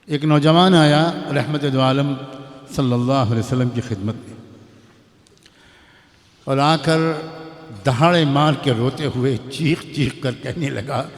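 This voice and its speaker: A man's voice: mid-range voice, pauses often. A middle-aged man with an Indian Urdu accent giving an emotive sermon, reciting Arabic passages and explaining them. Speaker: Islamic scholar. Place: gathering hall. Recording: hall reverb.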